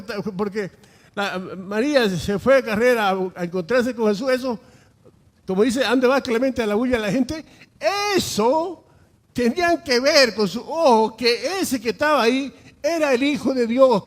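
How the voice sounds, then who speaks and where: A man's voice: very high-pitched, normal speed, big-room sound. A male pastor preaching a sermon, emphatic and full of rhetorical questions.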